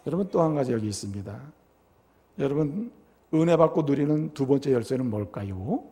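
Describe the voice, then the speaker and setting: A male pastor preaching a sermon in a church, emphatic and animated, often turning to the congregation with quick rhetorical asides. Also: mid-range voice, in a large hall. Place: church sanctuary.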